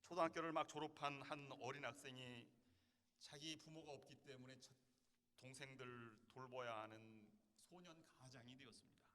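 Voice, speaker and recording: A man's voice: mid-range voice, sharp tone. A man preaching a sermon to his congregation, earnest and full of rhetorical questions. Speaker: pastor. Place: church sanctuary. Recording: echoey hall with long reverb.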